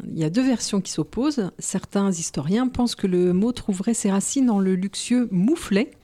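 Woman co-host reading from her notes, warm mellow tone, steady. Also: medium pitch. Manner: measured, reading aloud.

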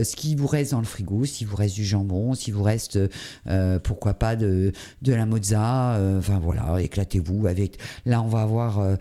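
A man's voice: lowish voice, warm tone. A man hosting a cooking show, talking through a recipe with many hesitations and fillers. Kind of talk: live cooking demonstration.

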